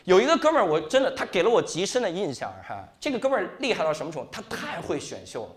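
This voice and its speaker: A young man performing a stand-up comedy set on stage, telling stories in an animated way and tagging his lines with quick asides. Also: sits high. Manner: animated storytelling with frequent tag 哈 and 是吧. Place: comedy stage before a live audience.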